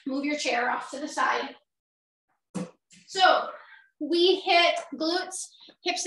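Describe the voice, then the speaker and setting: A middle-aged woman works as an aerobics instructor, giving energetic cues and counts as she exercises along. Her voice is high and bright, with unhurried, spaced-out phrasing. She is teaching a workout from a small room. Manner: energetic aerobics-instructor cueing, exerting while demonstrating. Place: small indoor home gym. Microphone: far camera a few metres away. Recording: roomy echo, distant microphone.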